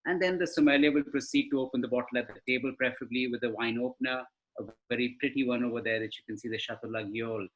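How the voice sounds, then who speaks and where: A man from India is a panelist on a live webinar over a video call, explaining things conversationally and asking rhetorical questions. His medium-pitched voice has fairly even intonation and a quick pace, and the audio sounds dull.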